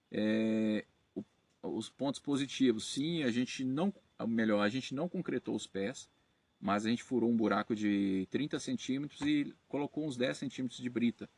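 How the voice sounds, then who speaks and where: A man's voice: medium pitch, no echo. A Brazilian man hosting his channel, casually answering viewer comments with many fillers and self-corrections. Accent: Brazilian Portuguese. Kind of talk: casual talk to camera.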